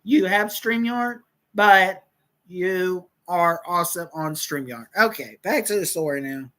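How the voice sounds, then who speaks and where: A woman's voice: on the low side, unhurried, fairly bright tone, rough recording. A woman hosting a livestream, telling a rambling story with lots of repetition and cursing. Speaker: livestream host.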